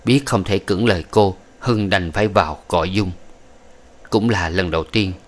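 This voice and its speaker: Low-voiced male audiobook narrator. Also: moderate pace. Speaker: audiobook reader. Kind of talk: scripted narration of a novel.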